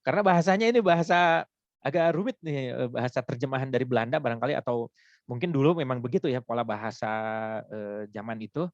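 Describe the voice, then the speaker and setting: A man giving a relaxed online lecture, chatty and laughing often. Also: mid-range voice, fast, dry recording, muffled recording. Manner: chatty, laughs often, switches into Sundanese words.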